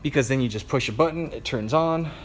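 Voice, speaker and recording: A man hosting a live stream, answering viewer questions in a low-key, easygoing way. He is tired and a bit out of breath. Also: a little fast, a little hiss or hum. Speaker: car lighting shop host answering viewers. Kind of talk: live-stream Q&A while showing a build.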